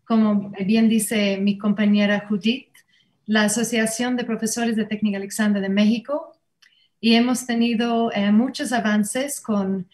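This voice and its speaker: A woman's voice: mid-range voice, fairly even intonation, measured pace, a little mellow. Woman, earnest panel introduction. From Ireland. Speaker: Alexander Technique teacher and singer. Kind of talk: panel introduction over video call. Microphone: video call.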